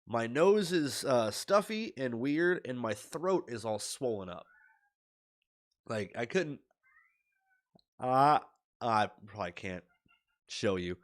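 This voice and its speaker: Here a sick young streamer, nose blocked and voice scratchy, speaks to the webcam at his desk in an offhand video diary, worrying aloud and leaning on filler words. His mid-range voice is expressive but slow, broken up by lengthy pauses.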